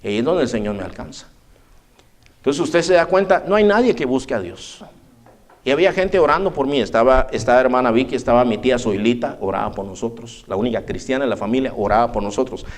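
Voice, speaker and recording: A man's voice: mid-range voice, expressive, fast talker. A pastor preaching an evening sermon in church, emphatic and often calling out to his brothers. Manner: emphatic, keeps addressing listeners as brother.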